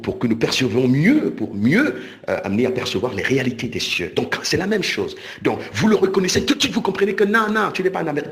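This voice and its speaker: Lively preacher man. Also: mid-range voice. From Cameroon. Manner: animated, repeats and restarts words, stretches of slow emphasis. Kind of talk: recorded sermon.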